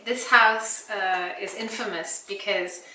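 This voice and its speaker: A woman's voice: mid-range voice, steady tone, takes it slowly, pushed and bright, a little hiss or hum. A woman giving a casual cooking demonstration in a home kitchen, chatting through each step with practical tips. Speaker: guest cooking teacher. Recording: roomy kitchen audio from a distant mic.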